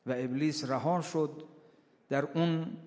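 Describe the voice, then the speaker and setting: A man's voice: fairly high pitch, steady tone, a little mellow, in a large hall. A man delivering a sermon, declaiming and weaving in quoted Arabic verses. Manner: declaiming, quoting Quranic Arabic. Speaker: preacher.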